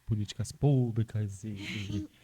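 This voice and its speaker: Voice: medium pitch, unhurried, warm tone, breathy edge. A podcast host from Brazil who asks questions in a rambling way, searching for words as they go. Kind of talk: casual podcast conversation.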